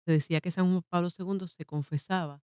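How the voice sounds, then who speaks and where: A woman's voice: on the low side, fairly even intonation, fast talker, darkish tone, clear, resonant tone, no room sound, studio quality. A woman co-hosting a casual radio talk, speaking hesitantly with many fillers and short reactions. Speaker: co-host. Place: radio studio.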